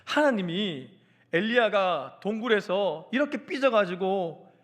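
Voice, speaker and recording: A man preaching a sermon as a pastor, telling the story in an animated, engaging way. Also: high voice, unhurried.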